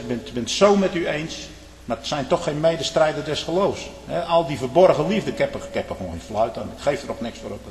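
A man preaching a fiery sermon, swinging between low, muttered asides and loud, scolding outbursts, with rhetorical questions thrown at the congregation. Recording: echoey hall with long reverb.

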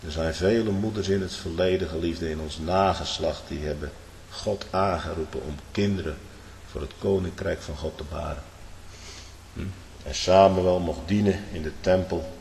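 A male preacher with a deep voice delivers an emphatic sermon, punctuating his points with "hè?" and swelling into loud peaks. He is heard in a large, echoey church hall with a long reverb and faint room ambience. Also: steady tone, moderate pace, creaky, a little hiss or hum. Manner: emphatic, frequent "hè?" tag questions, swelling loud outbursts.

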